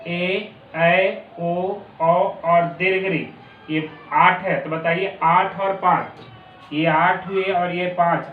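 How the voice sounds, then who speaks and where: In an echoey classroom, a high-voiced male teacher with a Bihari Hindi accent gives a lesson, slowly repeating definitions and drawing out sounds. There's slight background noise, and the distant mic sounds tinny and phone-like.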